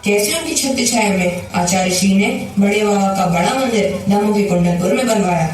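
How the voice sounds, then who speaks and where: A woman's voice: medium pitch, normal speed, a little mellow. A woman giving formal, reverent stage narration at a school function, declamatory in delivery. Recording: echoey hall, voice from far off.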